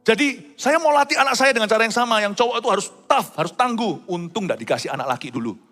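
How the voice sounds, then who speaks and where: Man, middle-aged pastor, lively sermon, fairly high voice, loud outbursts and quiet asides, reverberant hall, faint music. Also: fast talker. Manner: animated preaching that swings from loud high exclamations to hushed low asides.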